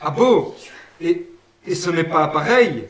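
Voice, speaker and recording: A man's voice: fairly high pitch, animated, slow pace. A man voicing a friendly male guardian angel with a Brussels accent, homely and fond of saying "une fois" and "hein". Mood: kindly. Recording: roomy sound, mic at a distance.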